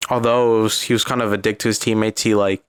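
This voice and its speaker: Californian dude rambling on a podcast, smooth voice, says like a ton. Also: male voice, lowish voice, little pitch movement, quick pace. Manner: rambling, filler-heavy retelling with lots of "like". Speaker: podcast co-host. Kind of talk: casual chat.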